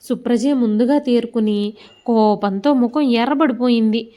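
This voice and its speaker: A woman telling a scripted emotional family story as a storyteller, reading in a steady, emotive way. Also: a little high, normal speed.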